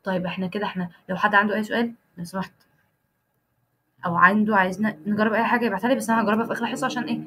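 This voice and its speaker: A young programming instructor with an Egyptian Arabic accent talks rapid-fire in a steady, medium-pitched, slightly bright voice during a live online class, with slight background noise. Step by step, she explains the code, frequently confirms students are following, and corrects herself mid-sentence while typing.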